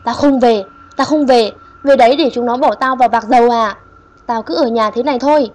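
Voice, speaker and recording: A woman's voice: on the high side, fairly quick, a little mellow, lightly acted. A woman voicing a wailing terrified old woman. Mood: defiant. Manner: wailing, pleading. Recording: dull lo-fi audio, voice set back from the mic.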